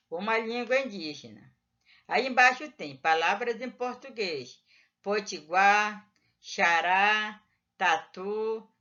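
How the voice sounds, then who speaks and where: A woman teacher guides young pupils through a workbook page by page. She speaks slowly and patiently, stretching out syllables so children can follow. The recording sounds muffled and low-fidelity. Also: fairly bright tone. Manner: slow, patient, drawn-out syllables. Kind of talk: explaining a textbook lesson to children.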